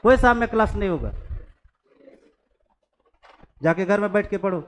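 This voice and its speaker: A man's voice: high voice, lively intonation, rapid-fire, fairly bright tone. A male maths teacher, scolding his class bluntly and then working through a calculus problem on the board. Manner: scolding, blunt, mixes English maths terms. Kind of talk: classroom lecture, scolding students.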